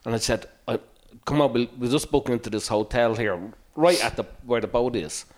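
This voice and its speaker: A man's voice: mid-range voice, brisk. An Irish man telling a story in a casual, conversational chat.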